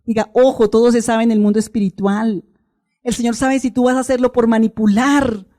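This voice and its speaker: A woman's voice: a little high, fairly even intonation, a little fast. Emphatic woman preaching a sermon. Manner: calls the congregation to repeat phrases; emphatic, rising to forceful exclamations.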